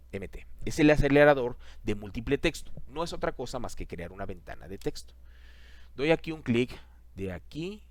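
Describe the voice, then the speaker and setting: A man teaching a software lesson over a screen recording, talking the class through each click and repeating the steps. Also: mid-range voice, no echo.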